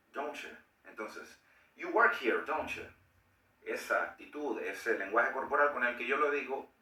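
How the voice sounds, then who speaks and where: Male teacher, lowish bright voice, explanatory delivery, demonstrates intonation; roomy, a bit off-mic. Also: recorded from a distance. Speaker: English teacher. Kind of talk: explaining a grammar lesson.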